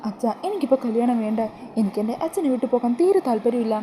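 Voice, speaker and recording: A woman's voice: a little high, animated, rapid-fire, mellow, a little hiss or hum, close to an everyday voice, low-quality recording. A woman voicing an upset young woman who is pleading and longs for her father's love. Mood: tearful.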